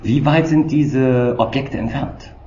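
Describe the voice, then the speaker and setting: A man conducting an interview in a measured way. His voice comes through a low-quality stream with degraded sound. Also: warm tone. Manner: measured, asking questions. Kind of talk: interview questions. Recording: dull, roomy, noisy lo-fi recording.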